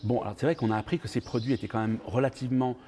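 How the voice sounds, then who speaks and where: Fast-talking joking male co-host. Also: mid-range voice, steady tone, dark tone, slight background noise. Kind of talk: casual chat.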